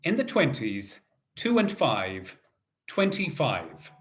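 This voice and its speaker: A man working as a bingo caller, calling out numbers in set phrases and repeating each in a measured, sing-song way. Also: mid-range voice, huge pitch swings, fairly bright tone.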